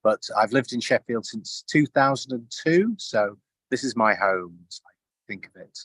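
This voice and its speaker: A man's voice: medium pitch, lively intonation, moderate pace, a bit bright, no room sound. Guest, male, from the north of England, dry humour, close dry sound. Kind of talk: casual introduction.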